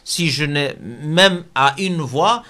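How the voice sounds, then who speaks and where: A man's voice: a little high, slow, sharp tone. A man from Algeria, a business leader interviewed in a debate, talking hesitantly with many fillers and restarts.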